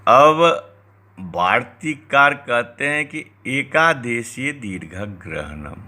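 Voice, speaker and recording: Slow, bright-voiced male grammar lecturer. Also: mid-range voice. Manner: recites Sanskrit text then explains in Hindi; slow, deliberate explanatory delivery.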